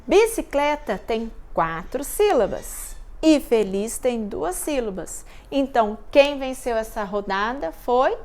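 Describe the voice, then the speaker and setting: A woman teacher giving a children's lesson recap, talking slowly in a sing-song way and spelling words out syllable by syllable for small children. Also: sits high, a little mellow.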